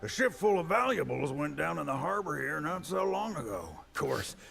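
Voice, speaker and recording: An actor playing a sly pirate-town local in a video game, giving tips in a dry, teasing, conspiratorial way. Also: male voice, a little high, big pitch swings, moderate pace, creaky, fairly bright tone, heavily acted. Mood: sly, helpful. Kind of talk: video game character dialogue.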